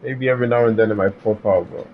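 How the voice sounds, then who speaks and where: This streamer's voice sits on the low side, quick and fairly even in intonation, over a lo-fi recording with a little hiss or hum. He keeps up relaxed let's-play commentary, chatting and laughing with someone off-mic.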